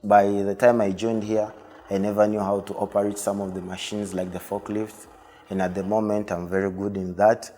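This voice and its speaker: A young man, a factory worker, speaks in a low, flat, dark voice. He talks plainly and with quiet pride. The sound carries a long echo of a large hall with faint noise behind. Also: moderate pace. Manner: proud, plain-spoken. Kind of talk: documentary interview.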